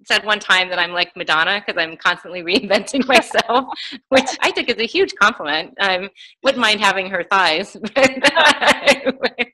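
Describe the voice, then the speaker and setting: An energetic woman guest speaks in an interview with a bright, forward tone. She laughs often and now and then clears a slight frog in her throat. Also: medium pitch, a little slow, rough recording. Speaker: guest, lawyer and coach. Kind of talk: interview conversation.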